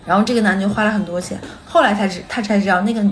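A woman co-hosting a radio podcast in casual chat, telling stories lively, acting out quoted dialogue and laughing often. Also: mid-range voice, rapid-fire. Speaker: podcast co-host. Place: radio studio.

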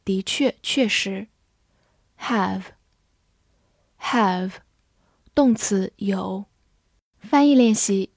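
A young woman gives a vocabulary lesson in Chinese with English examples, her voice fairly high. She explains patiently and slows down to spell and drill each word. The sound is close and dry. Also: darkish tone, dry recording.

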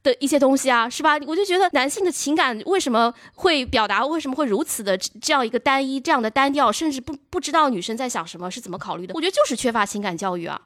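A woman hosting a book podcast, chatting casually in quick, run-on thoughts with many restarts. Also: high voice, lively intonation, a bit bright, dry recording, clean studio sound. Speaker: podcast host. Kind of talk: casual book-show chat.

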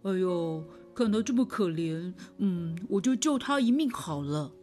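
A woman's voice: fairly low pitch, expressive, a little slow, darkish tone, faint music behind, pitched below the performer's own voice. A woman voicing a chatty, gossipy owl in a children's story with an exaggerated sing-song delivery. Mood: confiding.

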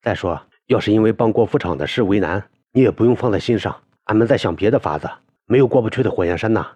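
A man's voice: on the low side, animated, fast talker, mellow, slightly rough, dry recording, pitched above the performer's own voice. A man reading a novel aloud, voicing a caring older-brother figure who speaks in a soothing, coaxing way. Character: caring older-brother type, gentle and reassuring.

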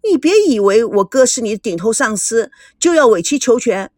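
A woman voicing a young man who calmly plays the peacemaker. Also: on the high side, moderate pace, dry recording, clean studio sound.

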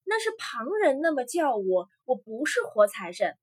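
A woman voicing a poor, meek old man in rags who answers quietly and pleads, in a storybook tale. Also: very high-pitched, very animated, normal speed, no room sound, clean studio sound, full character voice.

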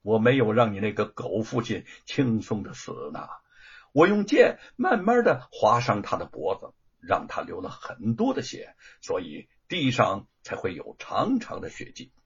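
A man voicing a proud, defiant young woman avenger who speaks in sharp, indignant declarations. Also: fairly low pitch, huge pitch swings, unhurried, slightly rough, muffled recording, pitched below the performer's own voice, heavily acted.

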